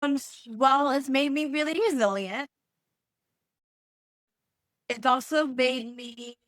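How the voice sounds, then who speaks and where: A woman's voice: mid-range voice, a bit bright, no room sound. A young woman guest in a conversational interview, speaking earnestly with frequent "like" fillers. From born in Haiti, raised in East Africa and the US. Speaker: podcast guest.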